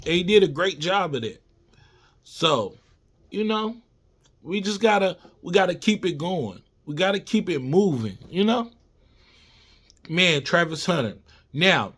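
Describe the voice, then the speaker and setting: A man giving casual, animated sports commentary to his viewers, repeating points and talking to them as y'all. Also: a little high. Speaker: sports vlogger.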